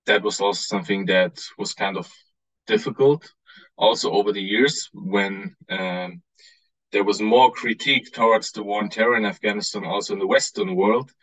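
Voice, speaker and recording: Man in his thirties from Austria, low-pitched, dry close sound, earnest panelist. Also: steady tone, fairly bright tone, breathy edge, no echo, low-quality recording. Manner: halting, many fillers, earnest. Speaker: panelist, author. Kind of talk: panel discussion on video call. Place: home room indoors. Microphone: video call.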